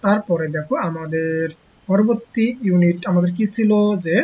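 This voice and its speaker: A teacher gives an online textbook lesson to young pupils. The teacher asks rhetorical questions and answers them, slowly repeating key words. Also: mid-range voice, a little mellow, highs cut off.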